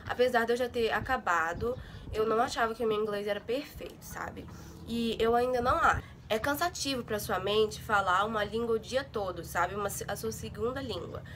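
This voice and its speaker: A young Brazilian woman chats casually to camera in a vlog, her voice a little high, fairly quick and a bit bright, with slight hiss or hum. She's chatty with her viewers, often dropping in check-in words like "sabe?" and "gente".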